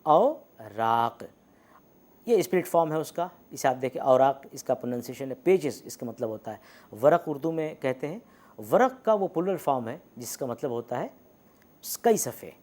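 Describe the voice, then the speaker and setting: A man teaching letters and vowels in a recorded lecture. He explains patiently, says the example words slowly and repeats them, and often checks in with the class. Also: a little high, mellow. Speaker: Urdu language teacher.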